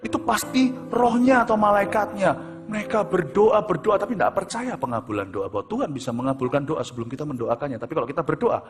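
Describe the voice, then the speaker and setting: A man preaching a sermon, telling a story and acting out the dialogue, swinging between loud and hushed delivery. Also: on the high side, expressive, fast talker. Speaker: pastor. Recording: echoey hall with music behind.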